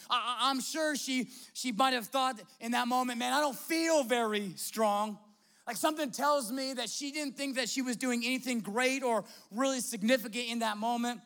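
A man's voice: very high voice, a bit bright. A man with a Midwestern American accent, a pastor preaching a sermon with impassioned delivery, restarts and rhetorical questions.

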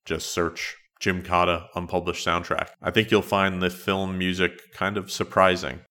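A middle-aged man hosting a solo retro podcast in a measured, conversational, matter-of-fact way. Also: low-pitched, little pitch movement, sharp tone. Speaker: podcast host.

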